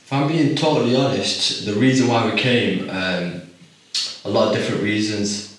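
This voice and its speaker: A man in his twenties, originally from Iraq, tells his story in a low, measured voice, pausing often with ums as he gathers his thoughts. He sits well back from the microphone, and the room rings with strong echo. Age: 20s. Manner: measured, reflective, pauses with ums. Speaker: podcast guest. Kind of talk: casual interview. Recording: echoey room, far from the mic.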